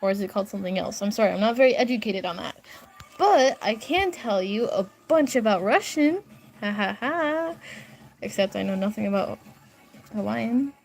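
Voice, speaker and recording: A young woman livestreams from her upstairs bedroom at home, an artist chatting casually who rambles, giggles and gets sidetracked reading comments. She speaks expressively at a moderate pace, her medium-pitched voice a little mellow with some vocal fry.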